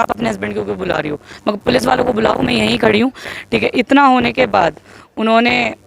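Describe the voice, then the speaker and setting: A young woman gives her side of events in an interview, insisting and indignant as she tells it. Her voice is smooth and clear. The sound is dry and close. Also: on the high side, no room sound. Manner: emphatic, indignant storytelling. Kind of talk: recounting an incident in an interview.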